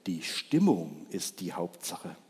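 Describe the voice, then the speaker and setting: Fussy hooting owl man doing it, soft, husky, slow, churchy reverb. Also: sits low, big pitch swings, voice pushed down, heavily acted. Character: owl wanting a dim, cozy mood.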